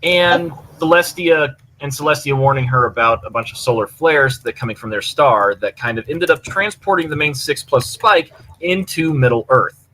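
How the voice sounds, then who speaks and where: On push-to-talk online voice chat through a computer mic, a man co-hosting a podcast reviews stories in a casual, rambling, enthusiastic manner. His voice is a little high, pushed and bright at normal speed, and the audio is poor with clear background noise.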